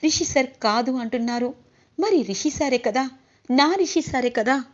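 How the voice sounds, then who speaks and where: Heartbroken young woman pleading, read out by a lady, high voice, dull audio. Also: moderate pace, lightly acted. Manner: pleading, emotional.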